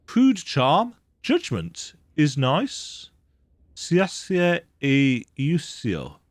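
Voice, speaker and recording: A man with a fairly high voice whose pitch swoops wildly speaks very slowly, with no room sound. Slightly sick with a cold, this gaming video host sits at home in the dark with the lights off, giving a chatty, self-deprecating let's-play of a horror game.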